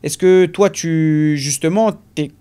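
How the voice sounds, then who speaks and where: A man hosting a casual interview who asks relaxed questions and eggs his guest on with short agreements. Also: on the high side, slow, smooth. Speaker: interview host.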